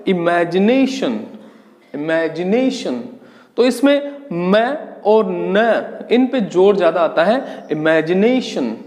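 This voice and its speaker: A man with a fairly high voice teaches literary terms in a slow, patient way, repeating words and asking his students questions he then answers. His voice rings through a roomy space with a long echo. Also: a little mellow. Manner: slow, explanatory, repeats key terms and asks rhetorical questions. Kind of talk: exam-prep lecture in Hindi with English terms. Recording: echoey, reverberant room.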